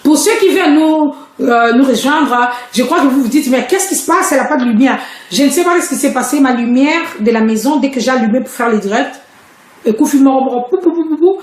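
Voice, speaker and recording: Woman, fairly high voice, roomy echo, casual live stream from home. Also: a little fast. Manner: chatty, explanatory, hesitant. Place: at home, indoors.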